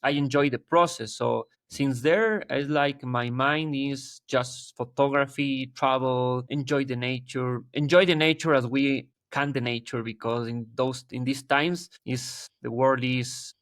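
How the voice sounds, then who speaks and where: A man's voice: mid-range voice, steady tone, unhurried, few pauses, a bit bright, no echo. Man, ecuadorian spanish accent, thirties, earnest, restarts often, dry close sound. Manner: earnest, searching for words, frequent restarts. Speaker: guest wildlife photographer. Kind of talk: casual interview chat.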